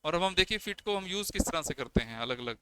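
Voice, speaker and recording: A young male English lecturer, his voice a little high, expressive and fast, coaches an exam-prep class on poetry over heavy background noise. He explains things step by step, counts syllables out loud, and uses his own terms.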